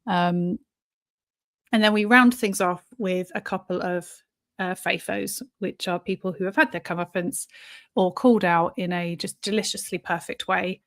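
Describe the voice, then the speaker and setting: A woman's voice: on the low side, moderate pace, a bit bright, dry recording, clean studio sound. A woman hosting a live podcast in casual chat, talking frankly and swearing freely, laughing often. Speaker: podcast host and founder.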